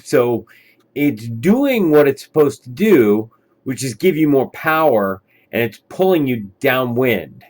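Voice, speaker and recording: A man kiteboarding instructor giving easygoing, encouraging commentary over lesson footage, pausing often with fillers. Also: medium pitch, very animated, darkish tone.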